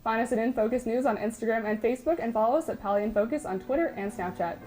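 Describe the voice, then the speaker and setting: A woman's voice: a little high, fast talker, mellow, soft background music. A teenage young woman anchoring scripted school news announcements. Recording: faint background noise.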